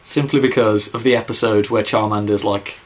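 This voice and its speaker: A rambling young English guy with a lowish, steady voice talks fairly quickly in an English Midlands accent; he's from near Birmingham. He's a YouTube musician answering viewer questions in a casual vlog Q&A. He's full of fillers and "like," and says so himself.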